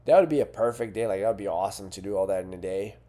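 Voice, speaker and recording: Low, mellow-voiced man coaching. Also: very fast. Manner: earnest, conversational, with fillers and rhetorical "right?". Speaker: fitness coach. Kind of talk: coaching talk to camera.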